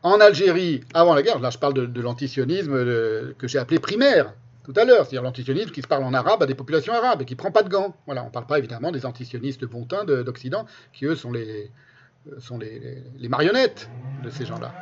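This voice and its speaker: A man's voice: mid-range voice, expressive, quick pace, slightly rough. A man reading quotations aloud and adding spoken asides, emphatically repeating key phrases for stress. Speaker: commentator presenting a history book. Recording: dull, lo-fi sound.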